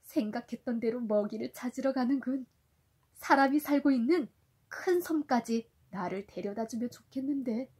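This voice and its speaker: A woman voicing a bold, excitable male sailor adventurer, dramatic and exclamatory, while reading a storybook to a toddler. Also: on the high side, moderate pace, breathy edge. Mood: determined.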